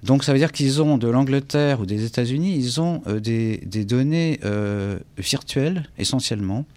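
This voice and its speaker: A French man with a French accent, an English teacher and author, speaks reflectively as an interview guest. His medium-pitched, slightly mellow voice moves at a moderate pace with no room sound, and he often searches for words and repeats himself.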